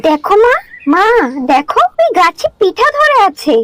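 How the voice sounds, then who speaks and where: A woman voicing an excited little village girl in a cartoon, calling out shrilly and eagerly. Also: extremely high pitch, a little slow, pitched above the performer's own voice, heavily acted.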